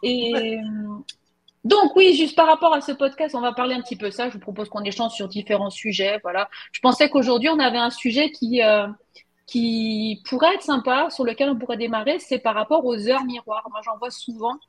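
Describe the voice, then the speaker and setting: A woman's voice: fairly high pitch, normal speed. A woman with a French accent hosting a podcast over a video call, chatting with hesitant fillers and frequent laughter. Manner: rambling, hesitant, often laughing. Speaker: podcast host, tarot reader. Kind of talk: casual group chat.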